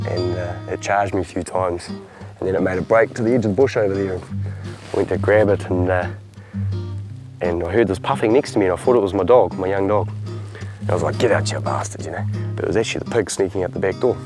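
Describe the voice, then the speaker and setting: A man's voice: sits low, fast talker, long pauses, darkish tone. A man with a broad New Zealand accent chatting casually outdoors on a hunt, in laid-back rural slang and short phrases. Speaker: local pig hunter and guide. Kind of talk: casual chat while hunting. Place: outdoors in bush and grassland. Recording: music over outdoor field recording.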